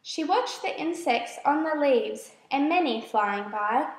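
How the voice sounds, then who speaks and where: A woman reading children's verse aloud as a storyteller, in a measured, expressive way. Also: sits high, echoey room, rough recording. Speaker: storybook reader. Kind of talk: scripted children's verse narration.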